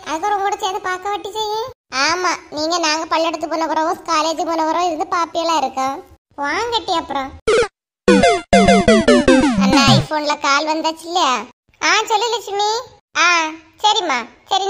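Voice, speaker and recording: A woman with a Kanyakumari Tamil accent who voices every character in a cartoon story, in lively village banter full of teasing asides. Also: very high-pitched, a little fast, soft background music.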